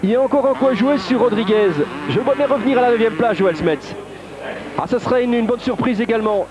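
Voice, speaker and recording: A man's voice: very high-pitched, fast talker. A man giving live motorsport race commentary, with hesitant phrasing and repeated positions and names. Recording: dull broadcast audio over crowd and engines.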